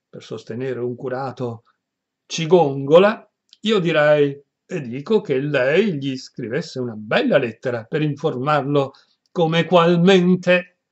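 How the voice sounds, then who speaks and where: A man's voice: mid-range voice, natural voice. A man voicing a wheedling middle-aged housekeeper, coaxing with feigned tender concern, in a dull lo-fi recording.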